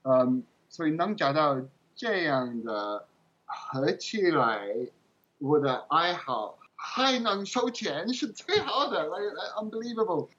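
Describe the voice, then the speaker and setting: Foreign man speaking English-accented Mandarin, slightly husky. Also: fairly high pitch, sing-song, fairly bright tone, dull audio. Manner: halting, searching for words. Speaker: interview guest, game translator. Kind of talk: casual interview chat.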